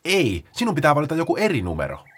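A man voicing an energetic, bossy female sloth for a children's storybook, with a shrill, loud, excited delivery. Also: husky, exaggerated voice. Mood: explaining. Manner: excited, rapid calls to rouse others.

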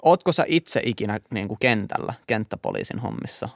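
Guy hosting a chatty podcast, gravelly, dry close mic, quick questions. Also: fairly low pitch, wildly swooping pitch, no room sound. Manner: short prompting questions and backchannels. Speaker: podcast host. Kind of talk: casual chat. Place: podcast studio.

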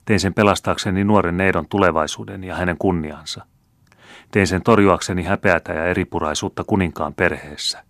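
A man's voice: deep voice, steady tone, fairly bright tone, dry recording, clean studio sound. A man reading the lines of a wise, dutiful young woman in an audiobook, in a grave, pleading way.

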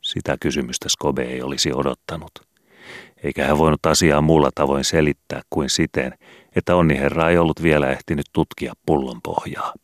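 A man reading a children's book aloud in calm, measured scripted narration. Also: rumbling low, no echo, clean studio sound. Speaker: audiobook reader.

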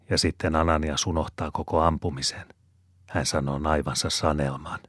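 A male audiobook narrator reading a novel in a steady, measured way. His voice is extremely low and husky. The recording is close and dry. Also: dry recording. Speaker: audiobook reader.

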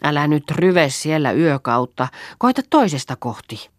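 A woman's voice: low voice, big pitch swings, no room sound, clean studio sound. A woman voicing an anxious, pious young farm girl who pleads and prays aloud. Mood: calm.

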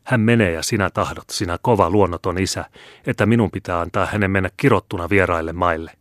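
A man's voice: low voice, a bit bright, no room sound, studio quality. A man voicing a passionate dying mother who speaks in an impassioned way, in an audiobook. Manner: impassioned, pleading.

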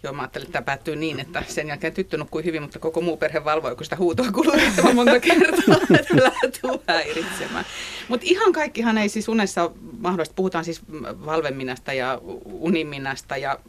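A woman hosting a radio talk show, chatty and reflective and quick to laugh. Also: sits low. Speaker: radio host. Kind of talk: radio studio conversation.

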